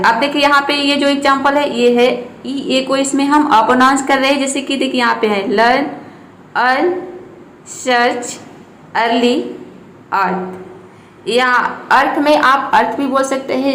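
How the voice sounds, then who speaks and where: High-voiced woman teaching pronunciation patiently. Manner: patient, spells out letters and repeats each example word slowly. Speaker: English teacher. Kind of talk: Hindi-language pronunciation lesson.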